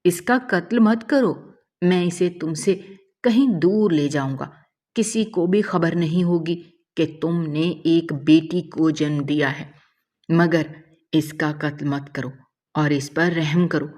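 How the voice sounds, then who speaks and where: Woman doing a compassionate young man, earnest, reproachful, low pitch, mellow, storybook. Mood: pleading.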